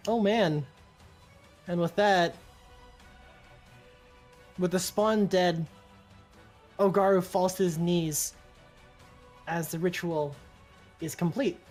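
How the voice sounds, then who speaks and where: An informal game master narrates a tabletop session in a middle-pitched voice. The delivery is improvised and halting, slipping into casual chat, with music behind. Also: steady tone, a little mellow.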